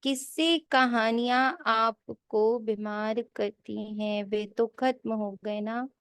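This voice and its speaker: A woman spiritual teacher giving a sermon, slowly repeating key lines for emphasis and mixing in English phrases. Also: on the high side, fairly even intonation, clean tone, no room sound, clean studio sound. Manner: mixes English phrases into her talk. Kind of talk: sermon explaining a daily scripture reading.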